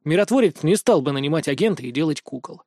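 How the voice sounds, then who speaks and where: A stubborn teenage boy psionic who talks softly and keeps defending himself, as a man voices him for an audiobook. His speech sits low and hushed, recorded dry and close. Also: lively intonation, fast, dry recording. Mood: subdued. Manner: soft, subdued, defensive.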